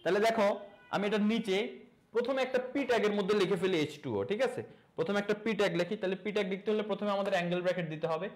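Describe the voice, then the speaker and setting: Fast, high-voiced young male teacher. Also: rough recording. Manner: chatty and joking, teasing students, quick asides. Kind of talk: casual online coding lesson.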